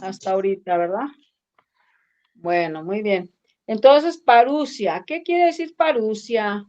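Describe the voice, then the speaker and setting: Slow-reading Mexican woman in a Bible class. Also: mid-range voice, animated, darkish tone. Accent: Mexican Spanish. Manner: slow, careful reading with pauses. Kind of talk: reading aloud and answering in class. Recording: dull lo-fi sound.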